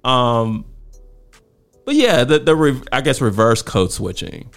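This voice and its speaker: A man's voice: medium pitch, sing-song, takes it slowly, fairly bright tone, faint music behind. A man hosting a casual chat in a probing, reflective manner. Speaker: podcast host.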